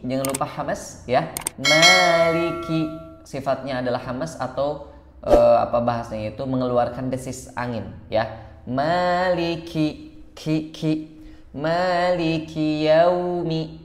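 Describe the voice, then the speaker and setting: A man's voice: mid-range voice, darkish tone, reverberant. Indonesian man teaching Quran recitation. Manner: alternates slow drawn-out chanting with quick explanations. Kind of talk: online recitation lesson.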